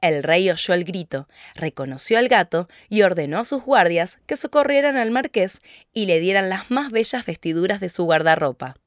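A woman narrating a children's fairy tale in a steady, clear telling. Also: on the low side, normal speed, no room sound, studio quality. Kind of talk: storybook narration.

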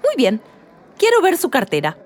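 A woman's voice: high voice, huge pitch swings, moderate pace. A woman voicing a fussy, rule-bound cashier in a read-aloud play, insistent and easily flustered. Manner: insistent, grows exasperated and fussy.

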